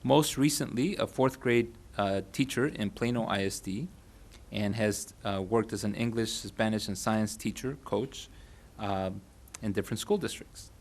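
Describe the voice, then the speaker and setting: An American man making a halting formal announcement, introducing a new appointee. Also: on the low side. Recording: crowd murmur and background noise.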